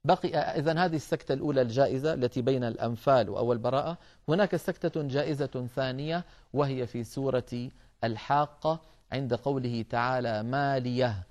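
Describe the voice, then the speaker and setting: A man teaching the rules of Quran recitation in a recorded lesson, explaining step by step, addressing listeners as brothers and filling pauses with a drawn-out "aah". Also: medium pitch, a little mellow.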